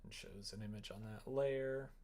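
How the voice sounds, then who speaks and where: Here the host works on a visual novel at the computer, casually thinking aloud in a darkish, medium-pitched voice at normal speed, mumbling and drifting off partway through thoughts. Typing and clicking carry through the noisy room.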